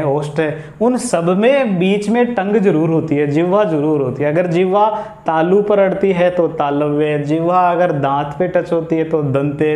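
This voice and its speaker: A man's voice: a little high, darkish tone. A man teaching biology step by step, repeating the key points. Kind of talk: classroom explanation. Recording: echoey room.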